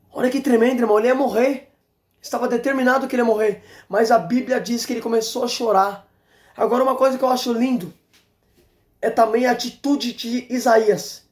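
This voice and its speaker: A man preaching a fervent sermon as an evangelist, exhorting and repeating his points with shouts of praise. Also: very high-pitched. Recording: roomy echo.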